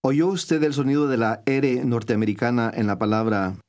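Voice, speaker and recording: Man reading language drill instructions, clear and measured, middle pitch. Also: a little mellow. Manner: clear, measured teacher's delivery. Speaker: language course narrator. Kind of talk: scripted instructional narration.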